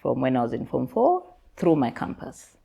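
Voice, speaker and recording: A Kenyan woman in her thirties with a low, grounded voice tells her own story as an interview guest. She is candid and laughs easily. She drifts in and out of Swahili slang as she talks. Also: wildly swooping pitch, moderate pace, creaky, warm tone, husky.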